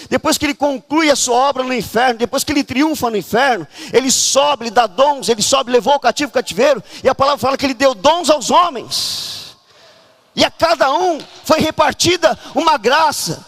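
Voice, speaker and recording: At a church conference, a Brazilian man delivers a fervent charismatic sermon, frequently shouting and urging the congregation to act. His voice is very high-pitched.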